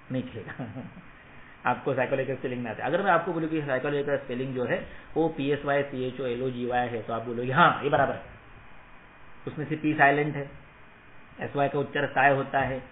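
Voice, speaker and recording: A man giving a motivational lecture to students, emphatic and rhetorical, checking for assent and mixing Hindi with English phrases. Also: medium pitch. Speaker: Ayurveda teacher. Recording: echoey room, tinny phone-like sound, faint noise.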